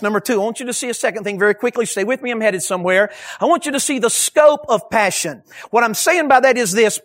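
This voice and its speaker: A man preaches a sermon with fervent energy. His voice sits very high for a man, and he pushes up into shouted emphasis as he drives his points home. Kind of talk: sermon to young people.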